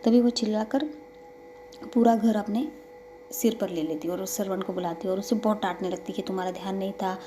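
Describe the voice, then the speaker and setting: A woman's voice: mid-range voice, normal speed, over music. A woman narrating a love story in a casual, conversational storytelling way. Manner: conversational retelling, frequent "to ... kehti".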